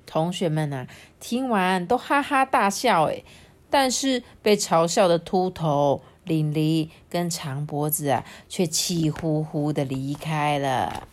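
A woman reading a children's picture book aloud, stretching out little sentence particles and sighing between lines. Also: low-pitched. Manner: expressive, drawn-out particles like 啊 and 哦, sighing fillers. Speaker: storybook reader.

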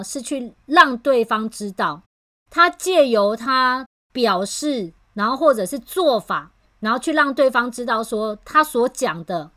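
A woman hosts a podcast as a communication trainer. She talks in easy, casual chat, explaining her points patiently and bringing her stories to life with animated retelling. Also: on the high side.

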